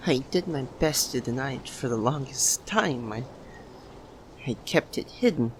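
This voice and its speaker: In an audio roleplay, a male voice actor with a medium, almost everyday pitch plays a nervous young man who is in love. Very slowly, stammering, halting and pausing, he makes a wistful confession to his childhood best friend in a soft ASMR monologue. Steady ambient noise is clearly audible throughout.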